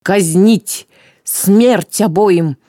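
A pitiless amazon queen hands down her sentences, as a woman reads her part. She speaks in a harsh, clipped, commanding way with a mellow voice, recorded close and dry. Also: a little high, slow, no echo.

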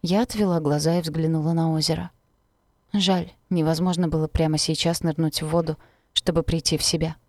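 A woman narrating a novel in the first person, in a measured, intimate way. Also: low-pitched, fairly even intonation, a little mellow, no echo, clean studio sound. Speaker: audiobook narrator.

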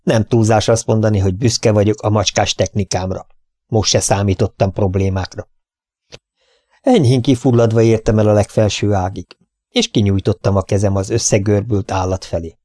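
A man reads a first-person story aloud in a calm, steady way. His voice sits fairly low and sounds dry and close to the mic, with no room sound. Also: dry recording. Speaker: audiobook reader. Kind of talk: first-person audiobook narration.

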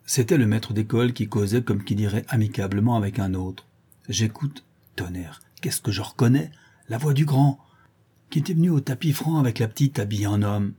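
A man voicing a rough, loyal Parisian ex-brawler who rambles in street slang. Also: fairly low pitch, a little fast, warm tone. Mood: confiding.

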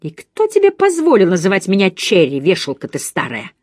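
Casting: a woman doing a blunt, cheeky young maid for an audiobook, lively delivery. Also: medium pitch, fairly quick, dry recording, clean studio sound, voice pushed up. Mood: brash. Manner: brash, cheeky. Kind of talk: audiobook reading.

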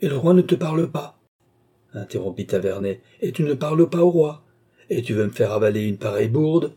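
A man voicing an excitable old baron who is worried and exasperated, with outbursts in a raised voice. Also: mid-range voice, a little fast, slightly rough. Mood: indignant.

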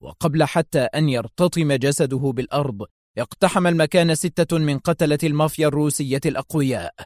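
A male narrator reads a thriller aloud, with a steady, dramatic storytelling delivery. His voice sits slightly higher than most men's. The recording is close and dry. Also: quick pace, no echo. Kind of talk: dramatic novel reading.

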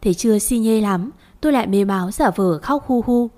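A woman narrating a first-person story, gentle and coaxing when speaking to a child. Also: mid-range voice, brisk.

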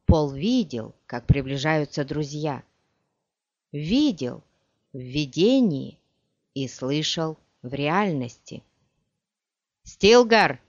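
An audiobook narrator reading in a slow, measured manner. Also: medium pitch, expressive, a little mellow, no echo. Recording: dull lo-fi dry audiobook recording.

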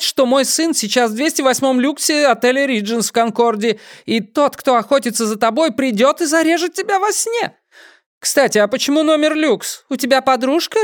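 A man's voice: no room sound, studio quality. A male audiobook reader voicing a frantic, overprotective middle-aged mother who worries melodramatically. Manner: shrill, breathless, melodramatic worrying. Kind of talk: audiobook character voice.

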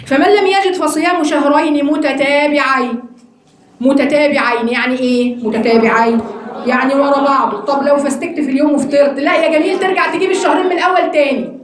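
A woman's voice: high voice, reverberant. A woman with an Egyptian Arabic accent teaching a religious study class, often putting questions to her students. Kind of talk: religious lesson to a women's class.

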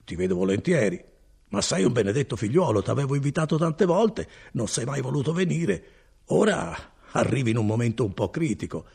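A man's voice: a little fast, creaky, breathy edge, exaggerated voice. A man voicing a good-hearted, talkative male cousin and foreman in an audiobook reading. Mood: welcoming. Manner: chatty and animated, swinging between high and low.

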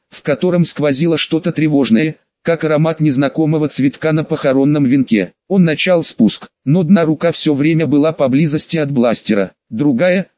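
A man's voice: on the high side, darkish tone, dry recording, highs cut off. A man reading a scripted audiobook narration into a close microphone.

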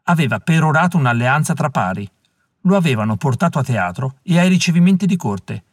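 A man narrating a novel aloud in a measured, calm reading voice. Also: fairly high pitch, slightly rough, dry recording, clean studio sound. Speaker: audiobook reader. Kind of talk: scripted narration.

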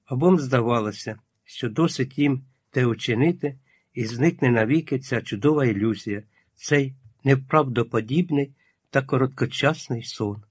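Husky-voiced man reading a novel. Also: medium pitch, dry recording, clean studio sound. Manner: calm, measured storytelling. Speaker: audiobook narrator. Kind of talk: literary audiobook reading.

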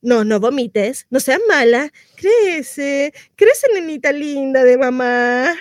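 A woman's voice: sits high, animated, slow pace, no echo, studio quality. A woman voicing a doting, bossy young mother who coos over and scolds her baby girl in a theatre monologue. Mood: doting, scolding. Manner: exclamatory, cooing and scolding by turns. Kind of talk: experimental radio theatre monologue.

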